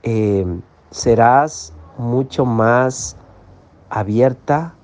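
A man calmly guiding listeners through an exercise on feelings, often checking in with them. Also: mid-range voice, extremely slow. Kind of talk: guided emotional-awareness teaching.

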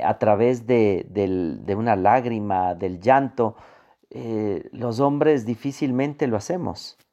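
Slow, mellow-voiced male instructor. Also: mid-range voice. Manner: deliberate, repeats phrases and checks with "¿sí?". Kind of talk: recorded course lecture.

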